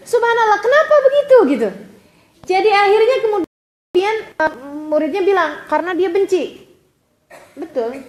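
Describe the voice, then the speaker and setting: An Indonesian woman delivers a sermon in a high voice, telling stories and acting out the people in them. Her voice rings through a large, echoey hall. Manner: expressive storytelling, acting out quoted voices. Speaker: preacher. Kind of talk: sermon to a women's gathering.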